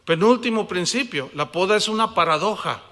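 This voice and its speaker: A man with a Mexican Spanish accent preaching a sermon, animated, asking the congregation questions and acting out little dialogues. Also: high voice, a little fast, in a large hall.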